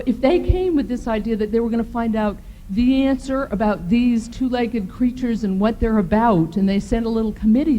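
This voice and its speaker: A woman's voice: on the high side, dark tone, a little hiss or hum, rough recording. A woman in the audience muses on a theme in a reflective, rambling way. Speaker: audience member. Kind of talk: musing comment from the audience.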